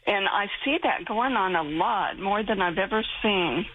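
A woman's voice: mid-range voice, measured pace, slight background noise. Woman caller on a call-in show, heard over the phone, earnest and plain, thin phone-line sound. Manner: earnest, recounting a personal experience. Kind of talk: casual call-in chat.

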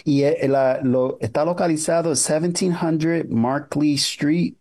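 A man's voice: fairly high pitch, unhurried, darkish tone. A man hosting a community radio show, chatty and easygoing, mixing English phrases into his talk. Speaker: radio host. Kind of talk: radio interview.

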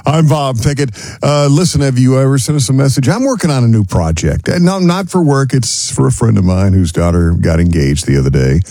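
A man's voice: medium pitch, expressive, brisk, hardly any pauses, mellow, no room sound. A middle-aged man with a twangy West Texas accent, presenting country radio in a casual, folksy, conversational way.

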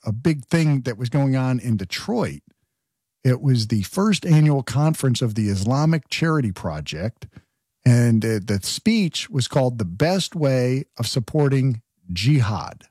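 Husky-voiced talk radio host. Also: male voice, medium pitch, a little mellow, no room sound, studio quality. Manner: conversational and sarcastic, asks listeners questions. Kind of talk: political talk radio commentary.

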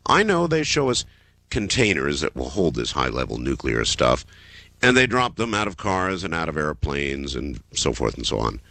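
A man with a smooth radio host delivery, taking callers on a late-night call-in show. His voice is bright and swings widely in pitch, and it sounds dry and close on a studio microphone. He talks calmly and slows down to lean into phrases he repeats. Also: no echo. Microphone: studio broadcast microphone.

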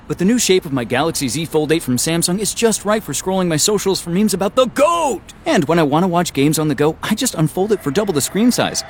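A man playing an excitable, teasing sports superfan in a radio ad. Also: a little high. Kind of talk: radio ad monologue. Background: music.

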